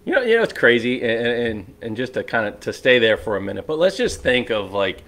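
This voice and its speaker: A man with a mid-range voice co-hosts a casual podcast chat. He makes his points emphatically and with strong opinions, building them up through animated examples. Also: medium pitch, fairly quick. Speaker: podcast co-host.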